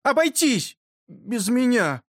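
A man voicing an excitable, earnest schoolboy who presses hard with questions and bursts into shouting. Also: very high-pitched, slow pace, dry recording, clean studio sound, pitched above the performer's own voice, full character voice.

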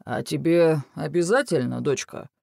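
A bossy, boastful sparrow father hurries his family along, as a man acts him out. His voice bounces lively between high and low, and the recording is close and dry. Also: a little slow, no echo. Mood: bossy, hurried. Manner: impatient, boastful. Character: bossy hurried sparrow dad, middle-aged.

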